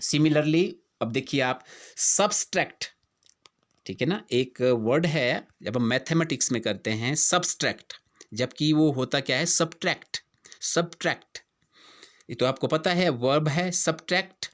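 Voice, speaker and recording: Slow-paced Indian man teaching pronunciation. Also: mid-range voice. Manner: asks rhetorical questions, repeats words drilling pronunciation; reads English definitions slowly and deliberately. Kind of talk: explanatory lesson mixing Hindi and English.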